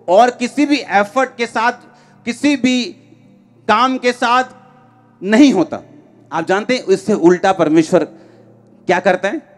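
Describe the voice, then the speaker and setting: High-voiced man preaching. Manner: emphatic preaching with frequent rhetorical questions to the crowd. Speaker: pastor. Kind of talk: sermon. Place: large decorated outdoor tent before a crowd. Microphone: handheld microphone.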